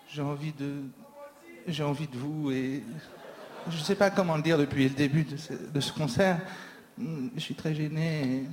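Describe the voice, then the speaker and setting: A man in a live improvised stage act, playfully teasing the crowd and swinging between shrill high and very low slow speech. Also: a little mellow. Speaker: stage performer. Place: concert hall with a crowd. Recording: echoey hall recording, live ambience.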